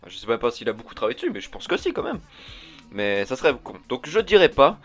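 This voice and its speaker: Excitable young man rambling. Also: medium pitch, quick pace, soft background music. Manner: rambling, excitable, swears often. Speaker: YouTuber. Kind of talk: unscripted casual vlog talk.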